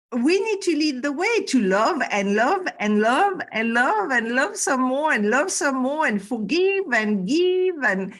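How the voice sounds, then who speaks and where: A woman spiritual teacher speaks earnestly in a conversational interview on a video call, repeating words to stress her points. Her voice is high and a bit bright.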